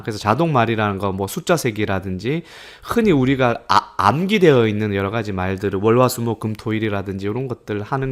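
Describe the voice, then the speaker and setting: A man lecturing on speech disorders, explaining each point step by step and acting out patients' speech errors aloud, with frequent fillers. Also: medium pitch.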